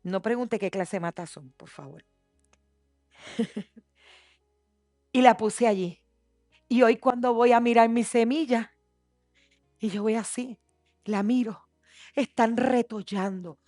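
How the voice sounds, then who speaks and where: A woman pastor preaching a sermon, moving from soft, hushed passages to loud, impassioned declarations. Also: fairly high pitch, slow, long pauses, no room sound, faint music behind. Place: church.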